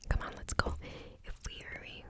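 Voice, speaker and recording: Asmr lady whispering a book super quiet, no voice at all just breath, tingly mouth sounds. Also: normal speed. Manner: whispering, barely audible, unvoiced.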